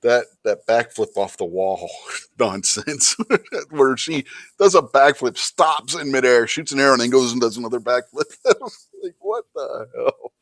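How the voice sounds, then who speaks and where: A man hosting a show with casual film commentary in an animated, sweary, mocking manner. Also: medium pitch, measured pace, no room sound. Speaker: show host.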